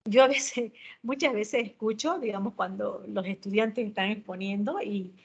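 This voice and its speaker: A woman's voice: mid-range voice, moderate pace, vocal fry, husky, highs cut off. Woman teacher explaining speaking skills, lots of fillers and little tag questions. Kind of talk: lecture on public speaking.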